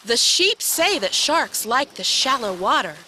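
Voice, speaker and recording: A woman's voice: fairly high pitch, very animated, measured pace, bright, forceful tone, slight background noise, heavily acted. A woman voicing a cheeky female pirate first mate who cracks jokes in a children's TV comedy. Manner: wisecracking, exasperated.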